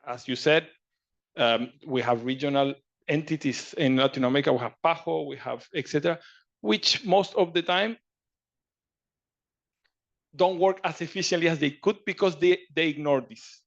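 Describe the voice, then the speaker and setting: Earnest and repetitive, a panelist from Chile keeps restarting his words and searching for the right ones during a meeting discussion. He talks at a normal speed in a fairly high, creaky voice, pausing often, on lo-fi audio.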